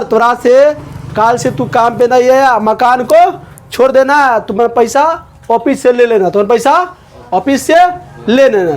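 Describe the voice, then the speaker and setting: Very high-voiced man teaching. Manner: repeats lines and checks understanding with questions. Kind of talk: explaining a textbook chapter to students.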